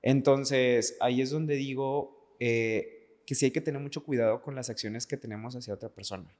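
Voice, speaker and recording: Dark in tone yet steady, his medium-pitched voice moves at a moderate pace. The speaker, a dancer from Veracruz, Mexico, in his late twenties to thirties, guests on a podcast and speaks from the heart, repeating words for emphasis while the audio echoes like a hall.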